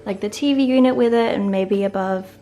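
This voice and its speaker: Aussie girl vlogging while decorating her lounge, chatty, says like a lot, soft music under it. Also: mid-range voice, brisk. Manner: chatty, upbeat, lots of "like". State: briefly out of breath. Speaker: lifestyle vlogger. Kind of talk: casual chat to camera. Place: living room at home.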